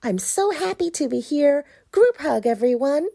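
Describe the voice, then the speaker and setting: Woman doing a high bubbly pumpkin boy. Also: animated, unhurried, creaky, exaggerated voice. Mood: cheerful. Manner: bright, bouncy, eager. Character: cheerful friendly boy pumpkin, sweet and upbeat.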